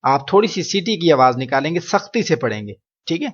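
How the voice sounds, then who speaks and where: A man teaching Quran reading, slowly modeling each letter sound and then explaining it. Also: fairly high pitch, expressive, breathy edge, muffled recording. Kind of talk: teaching Arabic letter pronunciation.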